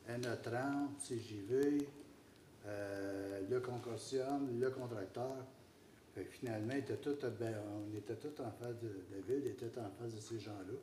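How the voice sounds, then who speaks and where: A man's voice: mid-range voice, mellow. A man with a Québécois accent speaking for the city at a council meeting, recounting events in a conversational way. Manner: storytelling, conversational. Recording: echoey chamber with faint background noise.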